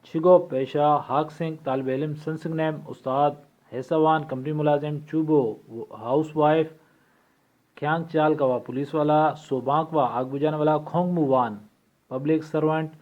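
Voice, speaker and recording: A man teaching a language lesson from a textbook, reading vocabulary slowly and repeating each word for practice. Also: on the high side, fairly even intonation. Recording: tinny phone-like recording.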